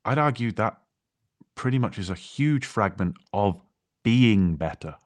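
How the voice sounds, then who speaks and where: A man's voice: lowish voice, lively intonation, unhurried, no room sound. A man co-hosting a podcast, talking through his own experience in a reflective, casual way with frequent restarts. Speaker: podcast co-host.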